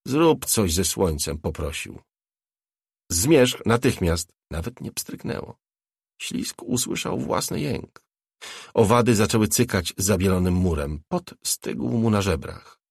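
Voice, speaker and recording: A man narrating an audiobook in a calm, measured way. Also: sits low, creaky, slightly rough, dry recording, studio quality. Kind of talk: scripted narration.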